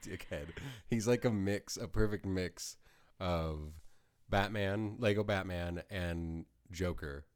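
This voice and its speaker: A man's voice: deep voice, takes it slowly, clear, resonant tone, no echo, studio quality. A man co-hosting a podcast, chatting casually about a movie, giggly and rambling as he corrects himself. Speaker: podcast co-host.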